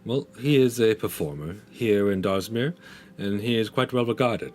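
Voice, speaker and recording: A man with a lowish, darkish, fairly everyday voice at normal speed plays a Dragonborn diplomat in a tabletop fantasy game. He voices the character as courteous and dignified, speaking formally, measuredly, and with some hesitation.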